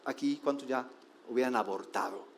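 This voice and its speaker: Pastor preaching with rhetorical questions. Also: male voice, mid-range voice, vocal fry, slight background noise. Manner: rhetorical questions, shifting slow emphasis and quick asides. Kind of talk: sermon.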